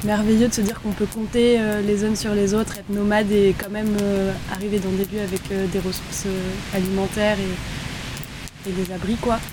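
A woman answering interview questions in a relaxed chat, speaking haltingly with many fillers and restarts. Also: medium pitch, a crowd in the background, rough recording. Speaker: interview guest. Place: inside a tipi by a fire in the rain. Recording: steady rain noise in background.

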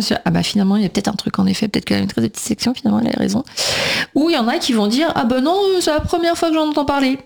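A woman's voice: mid-range voice, gravelly. A woman of Portuguese origin, a nursery school teacher, speaking earnestly and at length as a guest on a radio talk show. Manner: talkative, earnest, quotes others in lively voices.

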